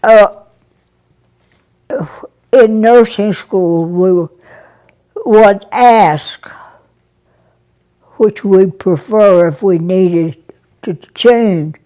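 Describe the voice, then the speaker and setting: A woman over a hundred, raised in Brazil, recalling her years as an army nurse in an interview, speaking softly and haltingly with many pauses. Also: medium pitch. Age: over 100. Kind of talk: interview reminiscence.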